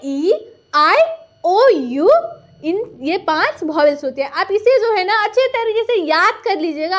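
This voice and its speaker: A woman teaching a recorded lesson, patiently repeating each point and asking and answering her own questions. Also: extremely high pitch.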